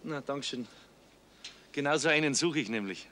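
An actor playing a polite, probing customer in a 1960s German crime series, on a noisy old soundtrack. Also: male voice, medium pitch, moderate pace, sharp tone, lightly acted. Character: polite, probing male car rental customer.

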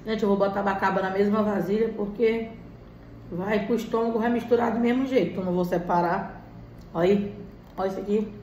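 A woman's voice: mid-range voice, fairly even intonation, fairly quick, dark tone. A Brazilian woman in her thirties making casual, short remarks to viewers while eating at home. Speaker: mukbang vlogger. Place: small indoor room at home. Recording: roomy echo, faint background noise.

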